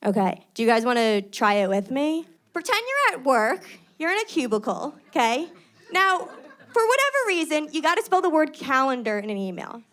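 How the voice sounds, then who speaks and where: Loud New woman doing stand-up. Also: high-pitched, normal speed. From New York. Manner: loud, animated, acts out characters. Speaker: stand-up comedian. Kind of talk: stand-up comedy set.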